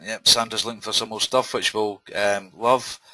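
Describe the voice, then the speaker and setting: A man's voice: fairly low pitch, fairly even intonation, normal speed, pushed and bright, no room sound, poor audio. A Scottish man hosting a live webinar, chatty and encouraging, reading out viewer comments with many ums. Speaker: webinar host.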